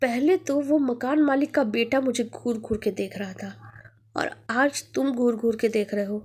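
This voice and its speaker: A woman's voice: a little high, steady tone, normal speed, darkish tone, husky. A woman voicing a frightened young man who rents a haunted house, pleading in a rising, panicked voice. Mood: annoyed.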